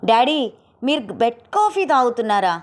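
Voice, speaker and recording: Woman voicing a young schoolgirl, earnest, pleading, audio story, fairly high voice. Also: big pitch swings, normal speed. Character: young schoolgirl missing her late mother.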